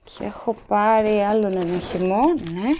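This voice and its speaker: Woman vlogger, casual haul chat, handheld phone at home, mid pitch, slight background hiss. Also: steady tone, darkish tone. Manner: chatty, lists items and weights as she goes. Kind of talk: casual haul vlog narration. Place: indoors at home, at a table. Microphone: handheld phone camera, filming items up close.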